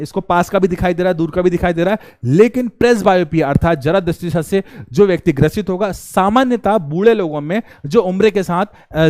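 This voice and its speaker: A man's voice: high voice, darkish tone, no echo, studio quality. A male teacher giving a live online class in a chatty, informal way, constantly quizzing the students and repeating key terms.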